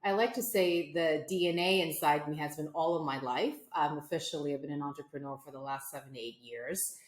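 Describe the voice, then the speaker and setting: In a rough recording from an echoey room, a low-voiced American woman in her forties talks a little fast. She's a guest entrepreneur in a conversational interview, reflecting thoughtfully while often using fillers and restarting.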